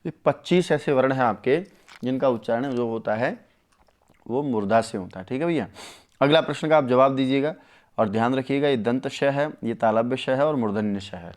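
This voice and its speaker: A man teaching a live Sanskrit exam-prep class, keen and friendly, calling viewers his friends and slowing right down to spell out grammar rules. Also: mid-range voice. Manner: enthusiastic, addresses viewers as friends, slows to spell out sutras.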